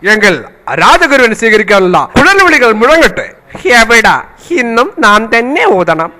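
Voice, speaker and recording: A pompous, bumbling king, played by a man, speaks in a very high, bright voice. He swings his pitch all over while delivering puns in a comedy skit. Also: big pitch swings, moderate pace. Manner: pompous, punning, exaggerated. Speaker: comic performer playing a king.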